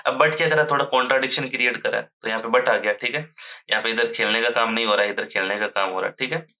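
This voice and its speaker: A man teaching a grammar lesson at a whiteboard, asking questions and answering them himself, with frequent fillers and throat clearing. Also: mid-range voice, sharp tone. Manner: fills pauses with a repeated "okay" and "friends"; clears his throat now and then.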